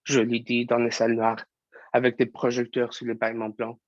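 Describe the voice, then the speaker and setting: A man's voice: medium pitch, completely flat delivery, moderate pace, dry recording, highs cut off, natural voice. A young man acting a frustrated young actor in a stage monologue, firing off urgent, agitated questions. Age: young adult. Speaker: student actor.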